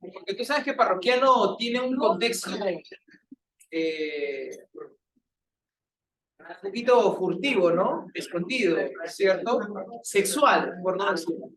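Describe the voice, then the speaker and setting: A man with a Peruvian accent teaches a class, bantering and poking fun at his students. His voice sits high, and it is caught from a distance in a bare, echoey classroom. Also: lively intonation, slow, pauses often, a bit bright. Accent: Peruvian Spanish. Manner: playful, teasing banter with students. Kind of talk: classroom lecture.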